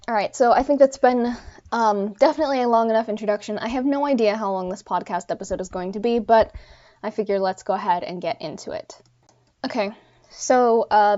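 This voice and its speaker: Her voice mid-range and darkish, a solo podcast host talks casually without a script, musing aloud and correcting herself as she goes. She sounds a bit congested, and the audio is dull and lo-fi.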